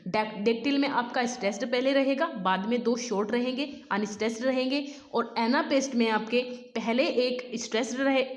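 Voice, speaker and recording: A woman's voice: on the high side, dull audio. Hindi-speaking woman teaching literature MCQs. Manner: explains in Hindi mixed with English, reads questions slowly. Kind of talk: exam-prep MCQ lesson.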